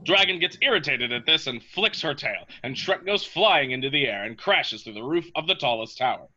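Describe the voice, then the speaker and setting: A man narrates stage directions from a script. His voice is slightly high and very sharp, on a somewhat dull recording. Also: expressive, fairly quick.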